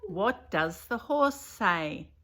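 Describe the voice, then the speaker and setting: A woman's voice: mid-range voice, very animated, extremely slow, sharp tone. An older woman reading a picture book of sounds aloud to a grandchild, playfully imitating animals and noises.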